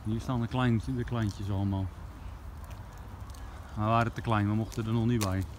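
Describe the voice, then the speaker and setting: Strolling through an outdoor campervan fair, a man in his forties records a casual walk-and-talk vlog on a phone held at arm's length. His lowish voice keeps a moderate pace as he gives relaxed, chatty commentary. Outdoor ambience and passing vehicles make the phone recording noisy.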